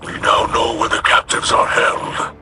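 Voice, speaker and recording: A man with a sharp tone and measured pace performs as a stoic, solemn alien warrior leader for a video game. He delivers formal, weighty, reverent lines, and music can be heard behind his voice.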